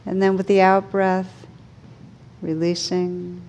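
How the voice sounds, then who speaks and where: Leading a guided meditation, a woman teacher speaks gently and soothingly in short phrases with unhurried pauses between them. Her voice is lowish and monotone.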